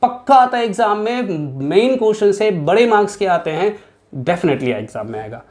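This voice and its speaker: A man's voice: high-pitched, expressive, normal speed, a little mellow. A male accounts teacher giving students an emphatic exam-prep lesson, repeating key points and mixing English terms into his speech.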